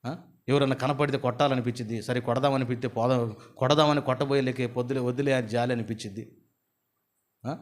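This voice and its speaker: A man's voice: mid-range voice, fairly even intonation, a little fast, natural voice. A man, voicing a weary, restless man who pours out rambling complaints to a doctor. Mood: complaining. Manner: plaintive, rambling, tumbling complaints.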